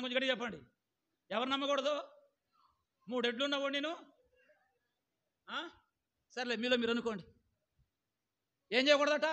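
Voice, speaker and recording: High-voiced pastor preaching to his congregation. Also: bright, forceful tone. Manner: calls on the congregation to answer aloud; keeps asking "ఏమండి?". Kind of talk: sermon.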